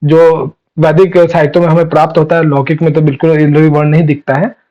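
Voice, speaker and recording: A man teaches a Sanskrit grammar class online, speaking in a notably high voice. He explains patiently and keeps putting questions to his students. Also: flat delivery, a little fast, warm tone, lo-fi sound.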